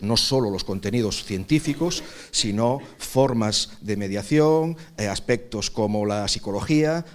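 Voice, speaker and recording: A man from Galicia, answering questions at a workshop panel in a measured way, often pausing to find his words. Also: lowish voice. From Galicia, Spain. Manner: measured, searching for words, frequent pauses. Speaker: workshop presenter, archaeological park director.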